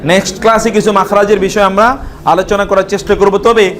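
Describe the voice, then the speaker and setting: Bangladeshi man, high voice, patient teacher who repeats words and quizzes students. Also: level tone, fairly bright tone. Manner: explains slowly, repeats words for students to answer. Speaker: Quranic Arabic teacher. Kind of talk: live online class.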